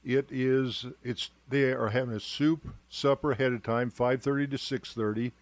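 A man appears as a guest on a radio interview, running through upcoming church events plainly and matter-of-factly. His voice sits at a middle pitch. The recording sounds dry and close, with little room sound. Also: fairly even intonation, normal speed, no echo. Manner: plain, matter-of-fact announcing.

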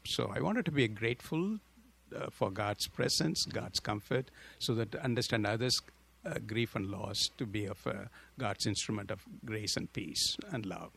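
A middle-aged man from southern India, speaking with an Indian accent as a pastor on a radio interview. His voice sits low and carries a gravelly fry. He talks earnestly and hesitantly, with frequent fillers. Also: a bit bright.

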